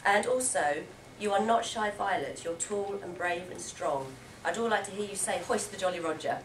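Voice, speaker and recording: A woman's voice: medium pitch, moderate pace. A woman, a children's author giving a playful library talk to schoolchildren, quizzing and praising them as she goes. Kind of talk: lively talk to a room of schoolchildren. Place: library event room. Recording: echoey, distant and noisy room recording.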